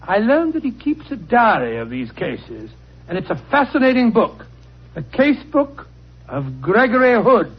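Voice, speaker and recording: An actor playing a genial, flustered older English doctor with a British accent, bumbling and hesitant, in 1940s radio style. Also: male voice, sits high, huge pitch swings, a little slow, slightly rough, heavily acted. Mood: genial, fond. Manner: bumbling, hesitant, chuckling, stammering. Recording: dull, muffled old radio recording.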